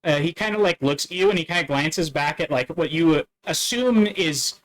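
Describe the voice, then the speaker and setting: A man narrating a tabletop game as dungeon master, halting and full of fillers and restarts. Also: a little high, lively intonation, rough recording.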